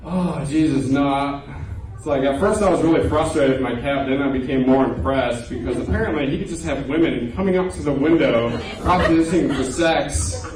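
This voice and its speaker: A stand-up comedian in his twenties, with a fairly high-pitched voice, performs a loose, conversational set full of self-deprecating punchlines on a comedy club stage before a live audience. The recording is echoey, with a distant mic and audience noise.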